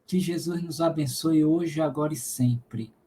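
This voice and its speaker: A man from Salvador, Bahia, giving a spiritist lecture and leading a prayer in a slow, solemn, measured way. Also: on the high side, dark tone, breathy edge, poor audio. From Salvador, Bahia, Brazil. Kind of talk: devotional lecture and prayer in a live stream.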